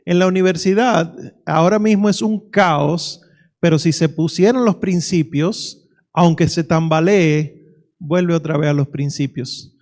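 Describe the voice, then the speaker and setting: A man's voice: a little high, unhurried, a little mellow. A male physician giving a conversational lecture at a conference, emphatic and full of rhetorical questions. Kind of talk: lecture to a pro-life audience. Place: conference hall.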